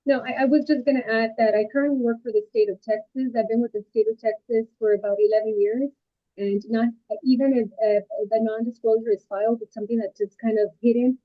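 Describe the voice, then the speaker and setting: A woman talks quickly and haltingly, her voice muffled as if it came through a wall. The sound is tinny and phone-like, and dry with no room sound, as on a remote call with the microphone held too far off. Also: a little high, steady tone, no room sound. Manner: hesitant, halting, with many fillers. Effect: muffled, as if heard through a wall. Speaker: self-represented party in a court hearing. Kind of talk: remote court hearing testimony.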